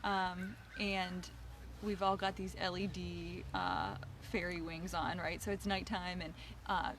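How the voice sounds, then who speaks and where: A woman's voice: lowish voice, slow, a bit bright, slight background noise. A woman co-hosting a vlog, telling stories in an upbeat, giggly way. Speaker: vlog co-host. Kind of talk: casual recap chat. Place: outdoor campground.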